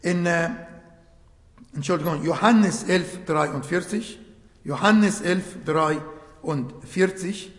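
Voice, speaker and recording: A man with a high voice preaches slowly and deliberately, stopping to restart phrases and search for words. His earnest stresses ring out in a roomy church hall with a long, echoing reverb. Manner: slow and emphatic, voice rising in earnest stress. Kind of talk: sermon.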